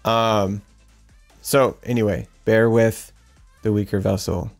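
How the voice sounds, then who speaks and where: A man's voice: lowish voice, fairly even intonation, slow, vocal fry, soft background music. A man hosting a podcast in a casual, joking, chatty way. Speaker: podcast host. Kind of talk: casual chat.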